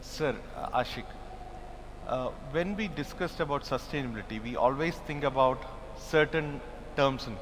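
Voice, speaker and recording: A man's voice: mid-range voice, moderate pace, noisy background. A man moderating a panel discussion, formal and announcing. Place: large expo hall. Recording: hall reverb, faint ambience.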